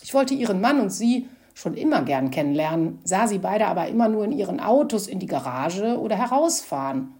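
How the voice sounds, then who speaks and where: A kindly, chatty neighbor woman who talks gently and soothingly. A woman voices her in a mellow, warm storybook reading. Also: mid-range voice, very animated, a little fast, few pauses. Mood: friendly.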